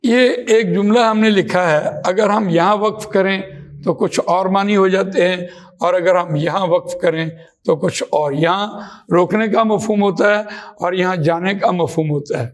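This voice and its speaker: A man teaching how to read the Quran, explaining terms step by step and slowing down to recite verses. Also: sits high. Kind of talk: religious lesson.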